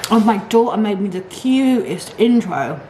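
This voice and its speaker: A middle-aged woman chatting and ranting casually to camera in an animated, complaining way. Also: mid-range voice, a little slow. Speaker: mukbang vlogger. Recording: echoey room, clear background noise.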